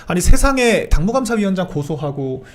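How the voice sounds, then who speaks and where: A man's voice: sits high, very animated, fairly quick. A man on a political panel show, speaking indignantly and firing off rhetorical questions. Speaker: political commentator on a live show. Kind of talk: heated panel discussion.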